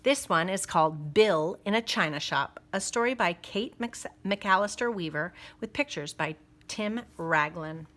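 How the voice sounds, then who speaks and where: A woman with a lowish voice reads a children's picture book aloud, telling the story in an expressive, deliberate way.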